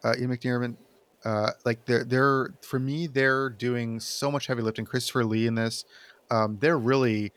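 A man's voice: medium pitch, steady tone, moderate pace, fairly bright tone. A man chatting casually about film as a podcast panelist, with an enthusiastic, rambling delivery.

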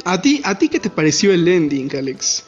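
A man co-hosting a podcast, recapping an anime episode in animated, rambling casual chat. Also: high voice, moderate pace. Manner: animated, rambling, self-deprecating. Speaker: podcast co-host. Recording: slightly dull podcast audio with faint music.

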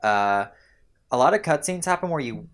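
A young man in casual chat, animated and complaining, sometimes mimicking characters mid-sentence. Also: mid-range voice, normal speed.

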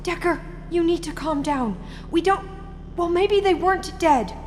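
A woman playing a tense, high-voiced young woman. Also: unhurried. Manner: firm, hushed, urging calm. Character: tense young woman trying to stay calm. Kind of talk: audio drama acting. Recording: reverberant space with ambient noise.

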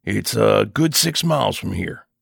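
A man reading an audiobook, voicing a heavy-set rural father of the house who speaks roughly and bluntly. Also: fairly low pitch, lively intonation, unhurried, fairly bright tone, dry recording, studio quality, exaggerated voice. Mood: gruff.

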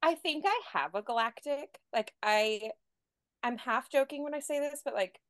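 A woman's voice: sits high, normal speed, a bit bright, no room sound. Chatty young woman, dry close sound. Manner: chatty storytelling with frequent "like" and laughs. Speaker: podcast guest. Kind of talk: casual chat.

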